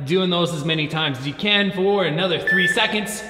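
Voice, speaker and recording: A man's voice: sits high, moderate pace, heavy background noise. A man in his thirties coaching a workout with short, commanding, motivational gym-coach cues, recorded in a large echoey gym. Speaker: fitness coach leading a timed home workout. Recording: echoey, reverberant gym hall.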